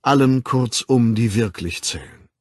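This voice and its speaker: A man voicing a calm, worldly male ruler who lectures in a measured, ironic way, in an audiobook. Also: mid-range voice, dry recording, clean studio sound, natural voice. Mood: calm superior.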